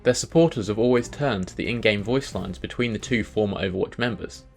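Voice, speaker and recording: A male video host reads scripted commentary on video game lore in a fairly low, creaky voice, going a little fast, with soft background music behind him.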